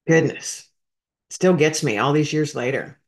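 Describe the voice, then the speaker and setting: A woman's voice: sits low, measured pace. Heartfelt woman telling a story. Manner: heartfelt, rambling, addresses listeners as folks. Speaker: podcast host and veteran. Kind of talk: emotional storytelling monologue.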